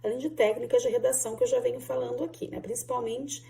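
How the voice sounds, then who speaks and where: A woman teaching a grammar lesson in a clear, didactic way, repeating the rules and checking in with the viewer often. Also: fairly high pitch, sing-song, fast talker, mellow. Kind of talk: social media grammar lesson.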